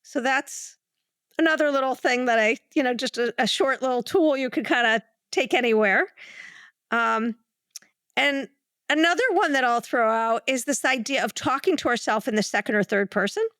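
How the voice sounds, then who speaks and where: Woman, psychologist, podcast guest, calm explainer, slightly high voice, dry sound. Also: moderate pace, no room sound. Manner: calm, explanatory, with many fillers and restarts; demonstrates breathing while talking. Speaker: clinical psychologist. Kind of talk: guest explaining calming techniques in a podcast interview.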